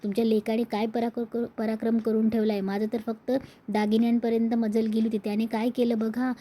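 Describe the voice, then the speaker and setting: A woman's voice: fairly high pitch, little pitch movement, brisk, warm tone, lightly acted. A woman voicing an anxious middle-aged mother who scolds defensively and laments her son in a serial recap. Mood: tearful lament. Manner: scolding, then wailing lament.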